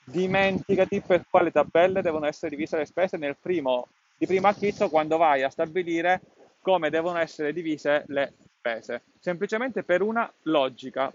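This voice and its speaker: A man hosting an explanatory podcast outdoors, speaking slightly muffled through a face mask, in a didactic way that repeats key points. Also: a little high. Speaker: podcast host. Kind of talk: explanatory tutorial to camera. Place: outdoors at a scenic spot. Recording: dull, muffled lo-fi sound.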